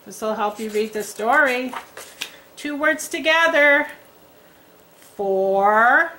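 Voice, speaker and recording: Brief: woman teacher reading with small kids, slow and encouraging, slightly high voice. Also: pushed and bright, slight background noise. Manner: slow, encouraging, sounds words out. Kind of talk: reading lesson for young children. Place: indoors at a tabletop.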